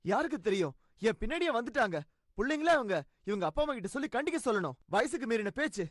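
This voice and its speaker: A woman voicing an excitable young cartoon father who fusses and scolds. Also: fairly high pitch, fast, dry recording, studio quality. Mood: scolding. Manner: fussy, scolding. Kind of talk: animated cartoon dub acting. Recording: faint background music.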